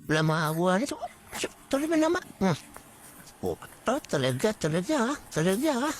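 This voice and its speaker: A woman's voice: medium pitch, very animated, moderate pace, slight background noise, close to an everyday voice. A woman voicing a playful, clingy female pet dog who talks to her owner in a sing-song, teasing way for a vlog voice-over.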